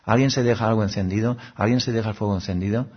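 Male spiritual teacher, low husky voice, unhurried and musing, slightly muffled lo-fi sound. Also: steady tone. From Seville, Spain. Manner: unhurried, musing, frequent "¿mm?" and "¿no?" asides. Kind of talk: calm reflective spiritual talk.

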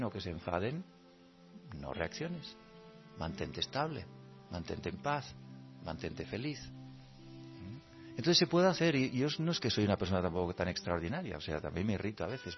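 A man's voice: mid-range voice, lo-fi sound. A man giving a reflective talk on meditation, telling personal stories and acting out his quoted thoughts, often laughing. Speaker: meditation speaker.

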